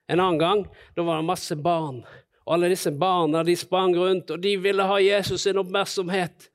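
A man's voice: high voice, flat delivery. A man preaching a sermon, retelling stories and acting out the people in them. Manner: storytelling, acting out the disciples and Jesus in quotes.

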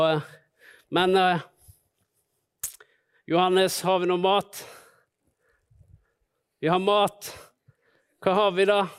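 A man preaching a sermon, retelling stories and acting out the people in them. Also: fairly high pitch. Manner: storytelling, acting out the disciples and Jesus in quotes.

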